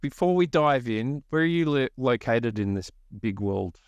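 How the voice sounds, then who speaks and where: A man's voice: mid-range voice, lively intonation, moderate pace, clear, resonant tone, no room sound, lo-fi sound. A man hosting a podcast interview, casual and chatty, with frequent fillers. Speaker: podcast host.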